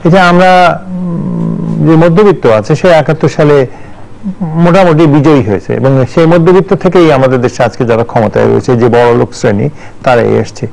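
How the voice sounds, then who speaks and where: A man's voice: on the high side, moderate pace, vocal fry, a little mellow, low-quality recording. A man in his sixties, a journalist and university teacher, giving thoughtful studio commentary with many restarts and fillers. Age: 60s.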